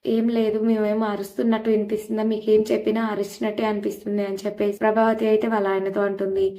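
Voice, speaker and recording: Flat-voiced woman retelling a serial. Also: mid-range voice, fast. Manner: plain storytelling with many filler phrases. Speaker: serial recap narrator.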